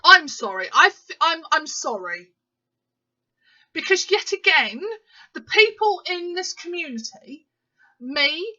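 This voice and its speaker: A woman's voice: sits high, pushed and bright. A woman, talking straight to camera in a casual vlog, emphatic and indignant, with plenty of fillers. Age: 30s. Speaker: vlogger. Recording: slightly muffled lo-fi recording.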